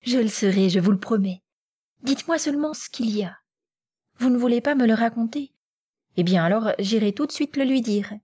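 A woman voicing an impulsive, eager teenage girl in an audiobook reading, pleading and excitable. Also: mid-range voice, brisk, few pauses, breathy edge, natural voice. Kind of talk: audiobook character voice.

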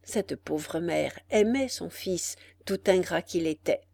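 Brief: unhurried female narrator for a gothic tale, close and dry. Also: fairly low pitch, gravelly, a little mellow, no echo. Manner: slow, measured reading. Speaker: storyteller.

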